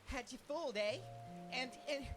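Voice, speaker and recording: A woman's voice: high-pitched, normal speed, close to an everyday voice. A woman voicing a small, earnest young female would-be inspector in a theatrical fan dub of game dialogue, with game music behind. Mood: tearful. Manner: theatrical, dramatic sighs and sobs. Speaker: fan voice actor.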